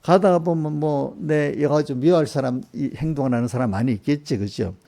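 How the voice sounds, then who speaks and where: Korean church pastor, male, gravelly and mellow, chatty sermon delivery that calls on listeners and acts out quotes. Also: a little high, brisk. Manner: conversational preaching, quizzing congregation by name; acts out voices in quoted asides. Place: church sanctuary.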